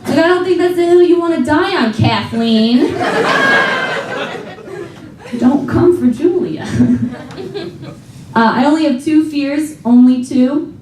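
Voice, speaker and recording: A young woman works a theater crowd with a stand-up set, her voice sitting a little high and wry with exasperation. She often laughs through her own lines. The recording is roomy and picked up from a distance, with loud audience laughter around her. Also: slow pace, long pauses, noisy background. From small town in the US. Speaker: stand-up comedian. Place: comedy theater stage with audience. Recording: roomy live venue audio with crowd laughter, taped from a distance.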